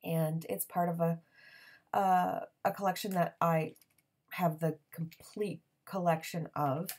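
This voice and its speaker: In a casual voiceover, a woman in her thirties who hosts a crafting channel chats away with a raspy morning voice. It is low and darkish in tone, and full of ums and small laughs.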